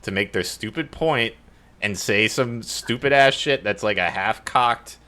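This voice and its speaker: A man's voice: on the low side, a little slow, bright, forceful tone. Profane, rambling podcast host man. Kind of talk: casual gaming chat.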